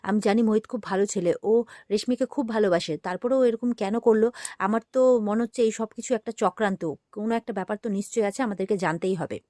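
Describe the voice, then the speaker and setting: A woman's voice: mid-range voice, fast, warm tone, dry recording, studio quality, lightly acted. Woman reading as a determined young wife.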